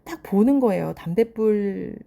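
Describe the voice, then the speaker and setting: A middle-aged woman in a casual drama recap, retelling scenes with animated commentary on the characters. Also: medium pitch, normal speed, vocal fry. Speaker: drama reviewer.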